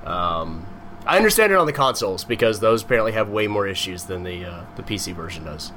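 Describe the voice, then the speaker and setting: A man co-hosting a casual gaming podcast, telling a rambling, animated story full of fillers. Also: lowish voice, fast talker, slight background noise. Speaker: podcast co-host. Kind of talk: casual chat.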